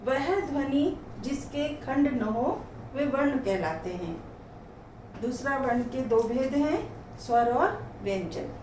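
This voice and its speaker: A woman teacher giving a Hindi grammar lesson, explaining slowly and saying each example word twice for pronunciation, recorded in an echoey room from a distance. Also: high voice, lively intonation, darkish tone, a little hiss or hum. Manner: slow, explanatory, repeats words twice for pronunciation.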